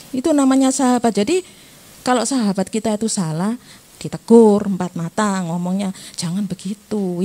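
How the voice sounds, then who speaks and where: This middle-aged woman has a somewhat high, slightly mellow voice. She gives a church youth talk in a chatty style, putting questions to her listeners and closing lines with the tag "ya".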